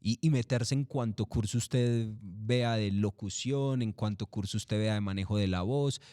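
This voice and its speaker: Low-voiced man. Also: measured pace, no echo, clean studio sound. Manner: relaxed, repetitive, asks and answers own questions. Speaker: commercial voice-over artist. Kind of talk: interview, casual explanation.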